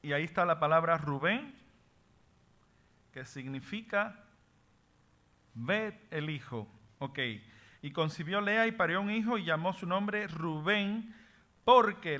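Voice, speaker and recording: A man's voice: fairly high pitch, sharp tone. A man teaching a Bible study class, reading scripture aloud and explaining what names mean while asking the class questions. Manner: switches between Spanish and English words.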